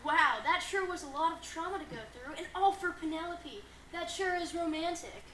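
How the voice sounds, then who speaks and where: A woman's voice: extremely high pitch, lively intonation, normal speed, fairly bright tone. A woman playing a chipper, bubbly dating-show host in an amateur comedy skit, with a perky, announcer-like delivery. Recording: roomy echo, faint noise.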